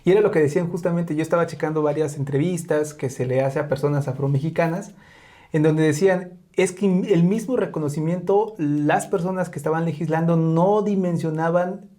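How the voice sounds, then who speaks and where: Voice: medium pitch, brisk, warm tone. A podcast host speaking in a reflective, conversational way, with long winding sentences. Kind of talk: casual interview conversation.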